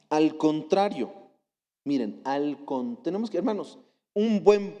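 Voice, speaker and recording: Bolivian guy preaching, mellow voice kinda high, long church echo. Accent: Bolivian Spanish. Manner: storytelling with rhetorical questions, animated quotes. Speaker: lay preacher. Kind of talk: sermon. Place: church hall.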